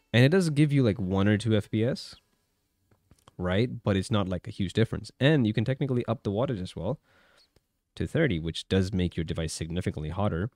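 A man's voice: on the low side, darkish tone, dry recording. A man speaks. He gives casual, conversational commentary as he tests a gadget, often checking in with the listener. The sound is close and dry. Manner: conversational, talks through tests with frequent check-in questions. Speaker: tech reviewer. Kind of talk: casual hands-on gaming handheld commentary.

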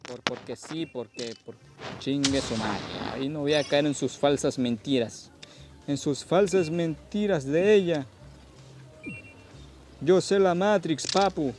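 A man's voice: on the high side, slow, music in the background. A tipsy man gives casual gameplay commentary as a host, rambling, repeating himself and joking crudely. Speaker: gaming video host.

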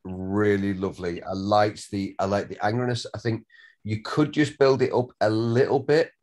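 A man's voice: on the low side, steady tone, normal speed, darkish tone. A man with a Northern English accent, a director giving rambling, encouraging notes to actors at a script read. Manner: rambling, repeats words, swears casually.

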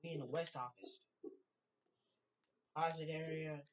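A woman streaming a horror game, reading in-game notes aloud and breaking into loud exclamations and commentary. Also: low-pitched, steady tone, measured pace, far from the mic, low-quality recording. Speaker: gaming streamer. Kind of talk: let's play commentary.

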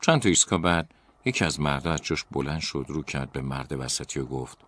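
A man from Tajikistan narrating horror stories with a measured, dramatic delivery, in a noisy recording with crickets outside. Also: a bass voice, fairly bright tone. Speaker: storyteller. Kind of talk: scripted horror story narration. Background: crickets chirping.

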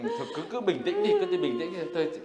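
A man's voice: high-pitched, expressive, racing. A fretful older grandfather. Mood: flustered. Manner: hesitant, repeats words when flustered. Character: worried, fretful older family man. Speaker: grandfather in a TV drama. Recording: roomy set with music behind.

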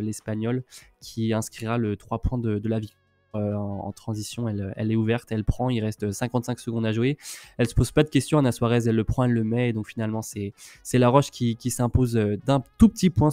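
Smooth, dry-voiced man recapping games. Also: medium pitch, mellow, dry recording. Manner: hesitant, many fillers and restarts, reels off stats. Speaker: co-host of a women's basketball talk show. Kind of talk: casual game recap on a live stream.

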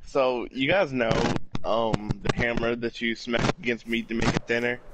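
A young man chatting casually with friends over voice chat, swearing freely and breaking into laughter that cracks his voice up high. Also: steady tone, normal speed, very noisy. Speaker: channel host.

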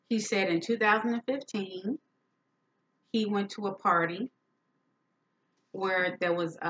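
Emphatic woman host, bright and lo-fi. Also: mid-range voice. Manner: candid and emphatic, retelling a friend's words. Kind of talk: personal storytelling talk.

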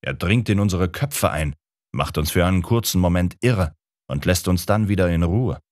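A man reads the part of a pompous elderly professor who booms and lectures from a voice sitting in the deepest register. He talks down to his listeners, all in a dry, close-miked audiobook sound. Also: expressive, moderate pace, no room sound. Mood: grandiose. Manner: lecturing, condescending. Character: booming, pompous older male professor. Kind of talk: audiobook character reading.

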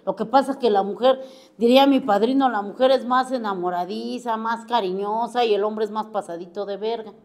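A woman's voice: a little high, fairly quick, a little mellow. A middle-aged woman with a Mexico City accent who gives a personal recovery testimony to an AA group, talking bluntly in crude street slang and swearing constantly. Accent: Mexico City Spanish. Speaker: AA member giving testimony.

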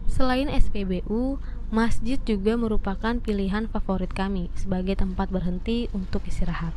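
A woman's voice: medium pitch, normal speed, mellow, a little hiss or hum. Indonesian mother narrating a family road trip. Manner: friendly, motherly, explanatory. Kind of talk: casual travel vlog narration.

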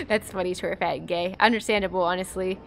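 A young streamer from the East Coast of the US, speaking with an American accent, giggles and chats casually with her viewers as she games. Her mid-range voice is creaky and full of fillers, and the background is noisy.

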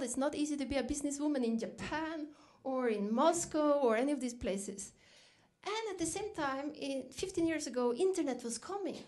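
Woman giving a keynote. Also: darkish tone. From Norway. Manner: reflective storytelling, lifts pitch when quoting herself. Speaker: keynote speaker. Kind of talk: dinner keynote speech.

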